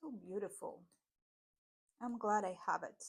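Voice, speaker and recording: Woman, native Spanish speaker, casual deck-review vlogger; unhurried delivery, chatty with fillers. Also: mid-range voice, creaky. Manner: chatty, with fillers and self-corrections. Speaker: tarot vlogger.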